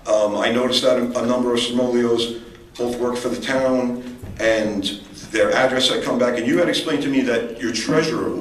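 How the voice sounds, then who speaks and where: A man from the public questioning a town official at a meeting, hesitant and halting but politely persistent. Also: mid-range voice, steady tone. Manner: hesitant, full of fillers and restarts, politely persistent. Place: large echoey public meeting hall. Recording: echoey hall, distant mic, faint room noise.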